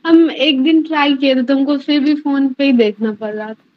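A woman's voice: high-pitched, steady tone, moderate pace. A woman student in an online class, answering her teacher briefly and matter-of-factly. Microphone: video call. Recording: dull online call audio.

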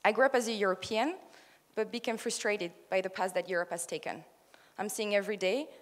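A young woman gives an earnest, prepared speech on stage, speaking into a handheld mic. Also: medium pitch. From France. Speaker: conference opening speaker. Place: large conference hall, on stage. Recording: long hall reverb.

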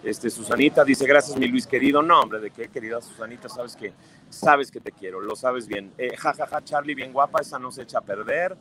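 A man's voice: mid-range voice, brisk, bright, forceful tone, low-quality recording. Chatty Mexican man reading live comments. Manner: chatty and affectionate, playful teasing. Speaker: livestream host. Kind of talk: casual live chat, reading viewer comments aloud.

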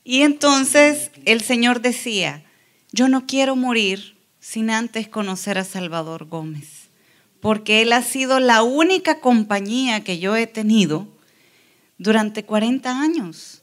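A woman takes over from the preacher to share a testimony, telling the story in a calm, steady way. Her voice sits slightly high for a woman. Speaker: preacher's wife giving testimony. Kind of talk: storytelling testimony at a church event.

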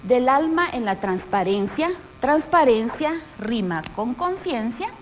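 A woman teacher with a Guatemalan Spanish accent, explaining a lesson to young pupils slowly and patiently, often asking them questions. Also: fairly high pitch, big pitch swings, a little hiss or hum, low-quality recording. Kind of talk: televised primary school lesson.

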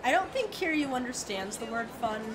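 A woman's voice: a little high, expressive, brisk, background noise. A woman streaming a game, giving playful casual commentary and reading on-screen text aloud.

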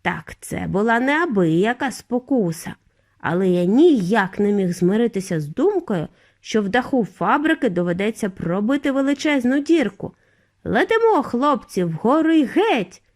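Woman reader doing a giddy eccentric factory owner, lively and high, storybook style. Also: measured pace. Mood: eager. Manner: bouncy, exclamatory, urging. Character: eccentric excitable male factory owner, jubilant.

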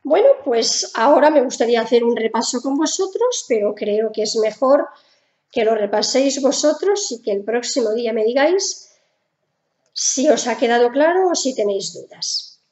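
A woman's voice: on the high side, lively intonation, moderate pace, a little mellow, roomy sound, lo-fi sound. A woman with a Spanish accent from Spain teaching German pronunciation in a casual video lesson, patient and repeating each sound.

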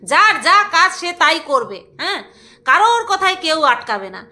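A woman's voice: extremely high pitch, sing-song, a little slow, sharp tone. A woman vlogging in a casual, rambling chat, laughing often and breaking into song. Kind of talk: casual chat with snatches of singing.

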